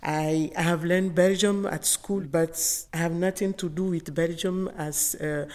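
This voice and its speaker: Low-voiced Togolese woman, slow and halting. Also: dark tone. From Togo. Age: middle-aged. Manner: halting, non-native English phrasing. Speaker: interviewed photographer. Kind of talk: personal recollection in an interview. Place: indoors in an exhibition gallery with long reverb. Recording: reverberant gallery room.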